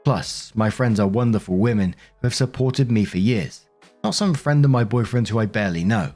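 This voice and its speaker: A man's voice: fairly low pitch, normal speed, darkish tone, soft background music. A man reading Reddit relationship stories aloud and then reacting bluntly in his own words. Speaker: story narrator.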